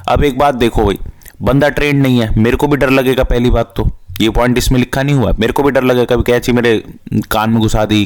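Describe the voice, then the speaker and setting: A young man giving a school commerce lesson in a chatty tone, asking questions and answering them himself, and slowing down to dictate the headings. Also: mid-range voice. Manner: chatty, asks and answers his own questions; slows to dictate English headings. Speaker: teacher. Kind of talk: Hindi-English lecture for school students.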